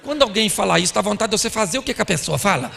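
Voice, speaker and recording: A man preaching a humorous sermon as a pastor at a church conference, animated and playful as he acts out everyday scenes. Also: sits high, racing, creaky.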